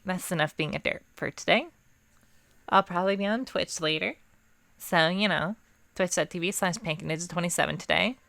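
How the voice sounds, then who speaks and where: A woman's voice: fairly low pitch, vocal fry, bright, forceful tone, no echo. A woman talking to viewers in an offhand, self-deprecating, unscripted way, as a streamer and ASMR video maker. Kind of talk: casual, unscripted chat to viewers.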